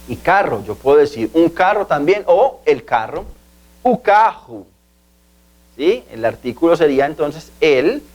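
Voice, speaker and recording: Male tutor, slightly raised pitch, patient and repetitive classroom delivery. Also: darkish tone. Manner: patient, repeats key words and asks "¿sí?". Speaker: language teacher. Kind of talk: video language lesson.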